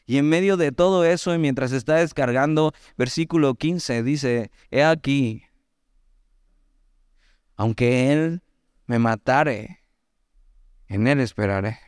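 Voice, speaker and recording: Mexican man preaching, smooth dry voice. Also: mid-range voice, no room sound. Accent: Mexican Spanish. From Mexico, Veracruz. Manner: conversational, animated asides, reads scripture slowly. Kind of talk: sermon, Bible teaching.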